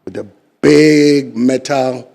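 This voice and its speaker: This older Ghanaian guest, representing the fisheries sector, argues his point in a studio interview. His Ghanaian English carries vocal fry at a slow pace, and his emphatic delivery shifts between loud stresses and quiet asides.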